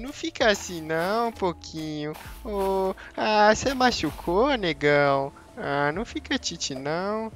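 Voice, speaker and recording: A man putting on a high, sing-song voice that mock-pities someone in drawn-out baby talk. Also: a bit bright, full character voice. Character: cooing mock-pitying man in falsetto.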